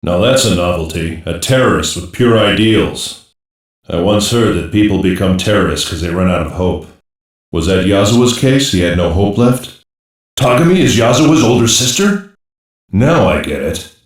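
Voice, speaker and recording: Heavily echoed and far from the microphone, this English-dub anime line comes from a gruff special-ops cyborg soldier with a low voice and blunt, slangy, sardonic wisecracks. He sounds musing, animated, and speaks at normal speed.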